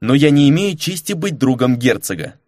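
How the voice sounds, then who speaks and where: A man's voice: mid-range voice, sing-song, a little fast, darkish tone, dry recording, clean studio sound. A man voicing a composed, polite secretary who betrays nothing. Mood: cool politeness. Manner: composed and courteous. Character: calm, polite male traitor secretary.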